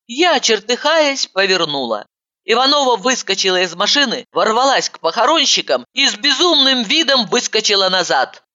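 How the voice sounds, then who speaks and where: Женщина читает аудиокнигу, иронический детектив от первого лица, живо и насмешливо, в репликах героини повышая голос. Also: female voice, moderate pace, lo-fi sound. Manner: lively, ironic, rising to high pitch in her own dialogue. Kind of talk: audiobook narration of an ironic detective novel.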